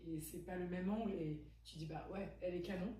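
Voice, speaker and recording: A woman's voice: fairly low pitch, steady tone, fairly quick, warm tone. A woman in her twenties hosting a podcast, talking in a chatty, emphatic way and asking probing questions. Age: 20s. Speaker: podcast host. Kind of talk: casual conversation. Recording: echoey room, distant mic, faint hum.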